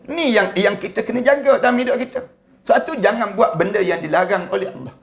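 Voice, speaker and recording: A middle-aged man with a Malaysian Malay accent, preaching a sermon as lively storytelling with laughs. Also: high voice, quick pace, creaky.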